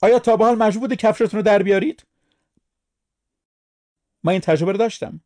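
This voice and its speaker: A man's voice: high voice, a little mellow. A man preaching a sermon, speaking emphatically and putting questions to his listeners.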